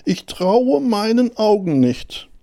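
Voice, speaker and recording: A man's voice: big pitch swings, slow pace, vocal fry, mellow, full character voice. A man voicing a frightened little hare. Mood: anxious denial. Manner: high anxious self-reassuring squeaks. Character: small frightened hare in denial.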